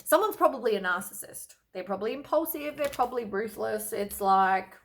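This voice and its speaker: A woman's voice: fairly high pitch, lively intonation, fairly quick, slight background noise. A woman doing a casual tarot reading to camera, blunt and exasperated, with lots of sighs and casual swearing. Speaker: tarot reader.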